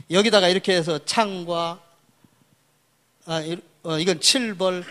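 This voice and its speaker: A man with a high, fairly bright voice gives a public lecture, going through each character piece by piece. He points at the board as he talks and often asks a question before answering it himself.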